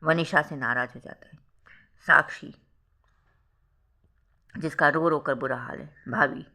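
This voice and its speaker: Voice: mid-range voice, fairly even intonation, measured pace, gravelly, sharp tone. A storyteller reading a self-written romantic drama aloud, voicing every role in a melodramatic way. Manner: melodramatic, reads all roles. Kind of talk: scripted story narration.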